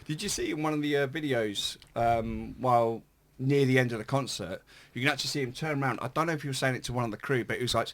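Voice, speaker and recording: A man, a comedian guest on a podcast, making quick joking asides. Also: mid-range voice, fairly bright tone. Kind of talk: casual podcast banter.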